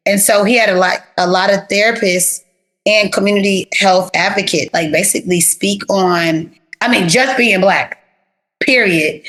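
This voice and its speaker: A woman therapist telling stories in a casual interview, animated and plain-spoken with easy slang. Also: medium pitch. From South Florida.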